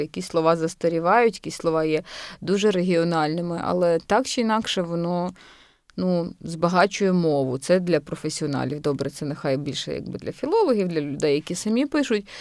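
Frank, chatty woman with a smooth voice. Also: lowish voice, darkish tone, no room sound, studio quality. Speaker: podcast guest. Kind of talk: casual conversation.

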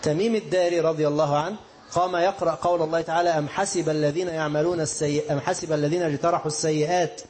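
A man's voice: a little high, fairly even intonation, rapid-fire, a little mellow, slight background noise. A male preacher with an Egyptian accent delivering a sermon, telling stories that mix classical quotations with colloquial asides to his listeners. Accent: Egyptian Arabic. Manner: storytelling, mixing classical quotes with colloquial asides to the audience.

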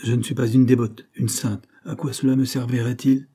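A man reading a proud, fierce young governess, a woman, in an audiobook, with sharp, defiant retorts. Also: mid-range voice, little pitch movement, moderate pace, slightly rough, pitched above the performer's own voice, natural voice. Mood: cool, haughty.

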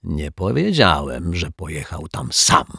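A man voicing a smug, sneering villain in a children's audiobook, with a mocking, drawn-out delivery. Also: sits low, sing-song, vocal fry, bright, forceful tone, breathy edge, no echo, studio quality, full character voice. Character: sneering pale male lout, smug villain.

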